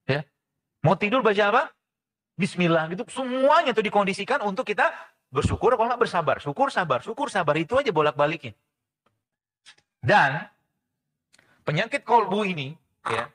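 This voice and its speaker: Animated, questioning man preaching a sermon. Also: on the high side. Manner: animated, asks the audience questions and answers them himself; mixes in English phrases. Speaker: preacher and physician giving a religious health talk. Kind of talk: lively sermon to a congregation.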